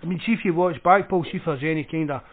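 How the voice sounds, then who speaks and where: A man's voice: a little high, rapid-fire. A Scottish man co-hosting a podcast, talking football in a casual, colloquial, matey way. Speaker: podcast co-host. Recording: thin phone-like call audio.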